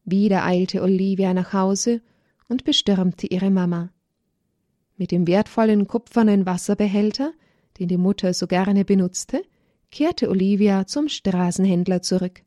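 Slow, gentle woman telling a story. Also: medium pitch, no room sound. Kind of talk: religious children's story reading.

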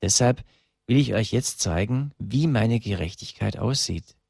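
A man voicing a grieving, fatherly king who speaks calmly, firmly and in a hushed tone. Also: on the low side, unhurried, vocal fry, breathy edge, no room sound, clean studio sound, heavily acted. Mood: hushed, solemn. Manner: hushed, calm and firm.

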